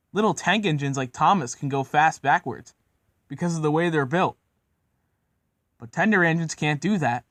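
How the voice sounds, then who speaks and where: A man's voice: a little high, a bit bright, no echo. A man narrating a comedic story in a casual, profane, mock-serious way.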